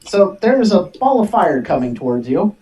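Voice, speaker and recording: Animated game master, widely varied pitch. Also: moderate pace, poor audio. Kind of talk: running a tabletop role-playing game.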